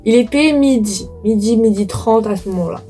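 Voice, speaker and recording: A young adult woman telling a personal story to viewers in casual, slangy chat, expressive and dramatic, repeating phrases for emphasis. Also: on the high side, moderate pace, soft background music.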